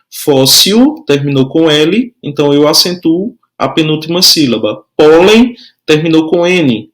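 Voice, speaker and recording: A man's voice: a little high, a bit bright. A man teaching a grammar lesson, explaining patiently and checking in often with his students.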